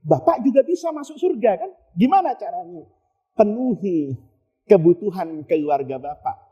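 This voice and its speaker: A man's voice: high-pitched, sing-song, moderate pace, dark tone, husky, muffled recording. A middle-aged man giving a humorous sermon, telling jokey stories and acting out the voices he quotes. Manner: jokey storytelling, acts out quoted voices, laughs. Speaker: preacher.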